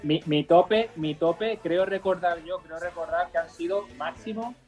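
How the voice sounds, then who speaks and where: A man's voice: high-pitched, measured pace, darkish tone, faint music behind. A man co-hosting a casual radio chat over a phone connection, bantering and teasing. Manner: banters and teases. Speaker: radio co-host calling in from Valencia.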